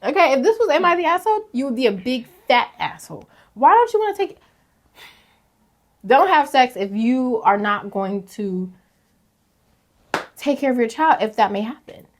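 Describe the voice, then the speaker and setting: A young woman co-hosting a casual podcast, reading confessions aloud, animated and slangy, laughing often. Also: high-pitched, normal speed, long pauses. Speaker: podcast co-host.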